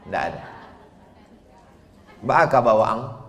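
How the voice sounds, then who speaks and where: Slow-talking preacher in an echoey hall. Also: male voice, medium pitch, lively intonation, a bit bright. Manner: playful, teasing questions, chanted Quran recitation. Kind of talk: lively religious lecture. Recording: echoey hall with long reverb.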